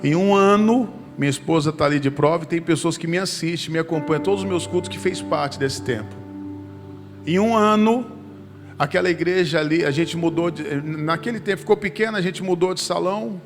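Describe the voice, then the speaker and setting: A man's voice: a little high, brisk. A male pastor telling a personal testimony to his congregation in a conversational sermon. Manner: conversational storytelling, addressing the congregation. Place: church sanctuary. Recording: church reverb with instrumental music.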